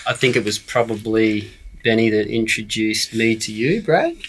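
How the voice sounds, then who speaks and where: A man's voice: lowish voice, lively intonation, normal speed, fairly bright tone, slight background noise. A man with a broad Australian accent co-hosting a podcast, chatting casually and teasing his mates. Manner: matey, teasing banter. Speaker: podcast co-host. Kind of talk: casual chat. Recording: crowd chatter behind the voice. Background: crowd.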